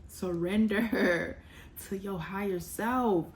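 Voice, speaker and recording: A young woman doing a casual tarot reading, blunt and animated, teasing and scolding her viewers. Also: mid-range voice, slow. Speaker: tarot reader.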